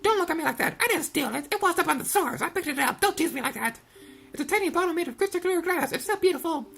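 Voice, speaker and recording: A woman's voice: very high voice, animated, creaky, fairly bright tone, voice pushed up, exaggerated voice. A woman voicing a young girl, a rich debutante fallen into poverty, in a theatrical, pleading and self-pitying way as she reads game dialogue. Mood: grateful. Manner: theatrical, pleading, rapid gushing delivery. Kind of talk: reading game dialogue aloud in a put-on voice.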